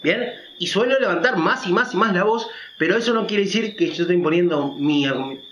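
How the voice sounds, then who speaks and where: A man speaks in a loud, emphatic way, sitting higher in pitch than most men. He talks through a casual opinion monologue, often checking in with quick tag questions. The recording is roomy and a little dull. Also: animated, a little hiss or hum. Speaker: vlogger.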